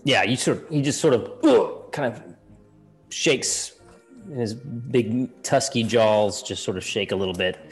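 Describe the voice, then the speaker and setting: A man at a middle pitch runs a tabletop game, narrating the action in a loose, hedging way full of "sort of" and "kind of". He laughs often as he goes, and faint music plays behind him. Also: expressive, unhurried. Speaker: game master.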